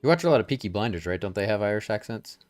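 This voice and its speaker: A man playing along as co-player, chatting in a relaxed, laid-back way. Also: lowish voice, very fast, no echo, soft background music. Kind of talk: casual gaming chat.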